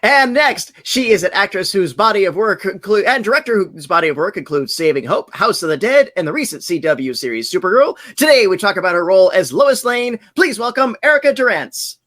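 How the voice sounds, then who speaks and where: A woman's voice: mid-range voice, animated, brisk, hardly any pauses, fairly bright tone. A woman hosting a virtual convention panel over a video call, reading upbeat introductions and laughing often. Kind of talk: upbeat scripted introductions and moderating.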